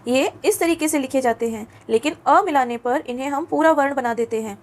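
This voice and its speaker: A woman teacher giving a lesson to schoolchildren, patient and coaxing, often asking them questions, dropping English words into her talk and slowing down to pronounce letters and words clearly. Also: high voice. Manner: mixes English words into Hindi. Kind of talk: classroom lesson for children.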